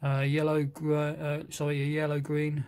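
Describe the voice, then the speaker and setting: A British man casually reviewing a box of model paints, reading out colour names haltingly and admitting he can't pronounce some. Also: on the high side, monotone, a little mellow, clean tone.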